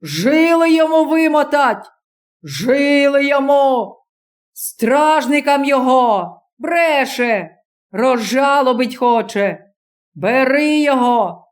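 A woman's voice: sits high, expressive. Woman playing a suspicious old village man. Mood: accusing. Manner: accusing, slow and harsh.

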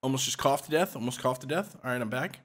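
A man's voice: mid-range voice, fast talker, fairly bright tone, slightly rough. A man hosting a gaming channel, giving casual gameplay commentary with joking instructions and frequent laughter.

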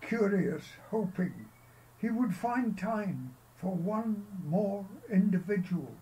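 Slow, high-voiced older minister. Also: male voice, dark tone, highs cut off. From Scotland. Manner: slow, solemn, measured delivery. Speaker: minister leading a service. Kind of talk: sermon and prayers.

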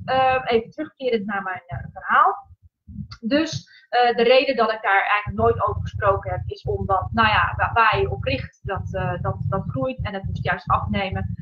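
A woman hosting a casual live stream from home, talking in a halting way with many fillers and restarts. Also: mid-range voice. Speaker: livestream host, coach. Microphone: laptop. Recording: dull lo-fi laptop audio.

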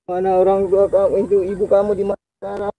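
A man's voice: high voice, monotone, fast talker, phone-quality sound, crowd noise. A man playing a father who pleads with his daughter and begs forgiveness after a possession. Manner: pleading, remorseful. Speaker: possessed father in a staged drama. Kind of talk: staged drama acting.

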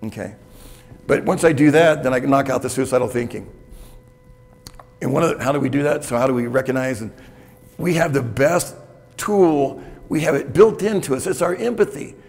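Gravelly man giving a keynote talk. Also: mid-range voice, normal speed, pauses often, darkish tone. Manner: candid, conversational, with frequent "okay?" check-ins. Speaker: keynote speaker. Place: hotel conference room with audience. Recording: reverberant conference hall.

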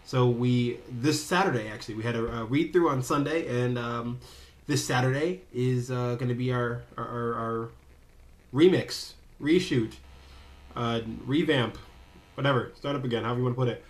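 A young man records a casual personal vlog, talking straight to the camera. He rambles, stumbles over his words and cracks small jokes at his own expense. His voice sits at an ordinary middle pitch. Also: normal speed. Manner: rambling, self-interrupting, jokey. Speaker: vlogger.

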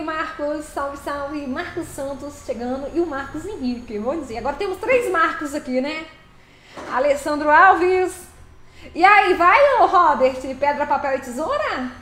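High-voiced chatty woman streaming. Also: roomy sound, slight background noise. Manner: lively, chatty, laughs often, greets chat by name. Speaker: live streamer playing a truck game. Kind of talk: casual live-stream chat greeting viewers.

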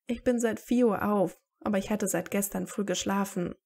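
A woman's voice: medium pitch, fairly even intonation, moderate pace, creaky, darkish tone. A woman reading aloud and voicing a tired teenage boy wizard who talks dryly and sarcastically. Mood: wry, tired. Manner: dry and sarcastic.

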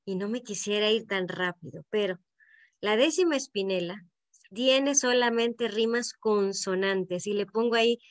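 A woman's voice: medium pitch, unhurried. A middle-aged woman from Veracruz with a Veracruz Mexican accent, teaching an online poetry workshop over a video call. She explains step by step and keeps checking in with the group. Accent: Veracruz Mexican Spanish.

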